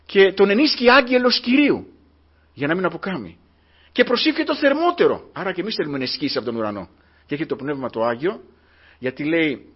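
A man's voice: sits high, breathy edge, highs cut off. A man preaching a fervent sermon to his congregation, often breaking in with a refrain of thanks to God.

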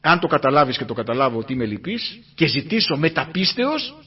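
A man preaching a fervent sermon, breaking into hallelujahs and rising from quiet murmurs to loud emphatic peaks. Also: sing-song, husky. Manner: fervent, exclaims hallelujah between points; rises from low murmurs to loud emphatic climaxes. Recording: muffled lo-fi recording.

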